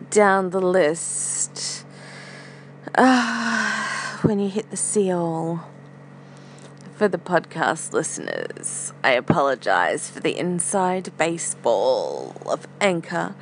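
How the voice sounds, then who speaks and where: A woman podcast host thinking aloud in a casual, reflective monologue, with some hesitancy as she feels for words. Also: fairly low pitch. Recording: faint air conditioner hum. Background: humming air conditioner.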